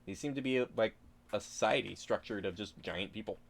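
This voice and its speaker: A man with a lowish voice runs a tabletop game. He improvises his narration casually. He often feels his way through explanations with some hesitation. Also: a little fast, gravelly. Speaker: game master.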